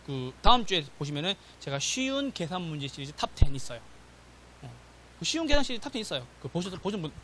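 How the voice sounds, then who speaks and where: Animated high-voiced male lecturer. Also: a little hiss or hum. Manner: animated, checks in with "맞죠?" and "됐죠?", acts out quotes. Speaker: real estate exam lecturer. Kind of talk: classroom lecture.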